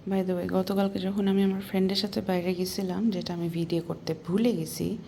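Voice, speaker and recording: A woman's voice: medium pitch, level tone, brisk, creaky, warm tone, a little hiss or hum. Chatty young Bengali-English woman vlogger. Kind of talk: casual home vlog. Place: home kitchen and rooms, indoors. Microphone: handheld camera.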